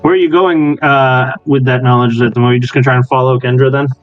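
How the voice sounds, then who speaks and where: A man's voice: mid-range voice, steady tone, fast, lo-fi sound, soft background music. A man running a tabletop game as game master, narrating and chatting casually.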